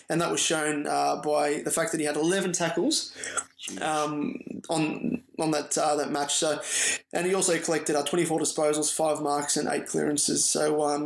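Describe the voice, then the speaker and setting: A tired Australian man co-hosting a casual fantasy football chat, relaxed and full of fillers. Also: a little high, reverberant, low-quality recording. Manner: relaxed, laughs easily, many fillers. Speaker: fantasy football podcast co-host.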